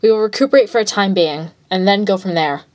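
A woman voicing a weary young male villain leader in a fan fiction reading, speaking in a drained, flat and sardonic way. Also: mid-range voice, fast, natural voice. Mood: resolute. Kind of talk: fan fiction read aloud.

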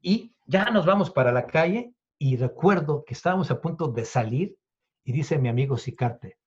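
A Mexican illusionist in his fifties, appearing as an interview guest, tells an animated story, acting out the dialogue and swearing freely. His voice is a little high with lively intonation, a moderate pace, and a breathy edge. The recording sounds dull and lo-fi.

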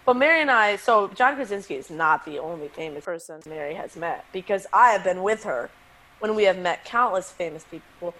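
A woman's voice: fairly low pitch, animated, brisk, pushed and bright, rough recording. Chatty young woman podcast co-host. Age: 20s. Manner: chatty, laughing, filler-heavy. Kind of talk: casual chat.

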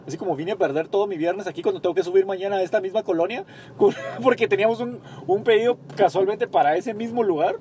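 A man's voice: sits high, quick pace, dark tone, a little hiss or hum. A young man with a Guatemalan accent, co-hosting a casual chat from a car, telling stories and acting out what people said, joking. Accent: Guatemalan Spanish. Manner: storytelling, acts out quoted dialogue, joking. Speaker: podcast co-host, small bakery owner. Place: inside a car, parking.

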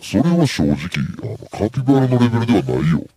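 A man talking through a voice changer that pitches him very deep, with a Kansai accent, firing indignant comic retorts as a radio co-host. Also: very animated, fast talker, mellow, dry recording. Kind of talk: casual late-night radio banter.

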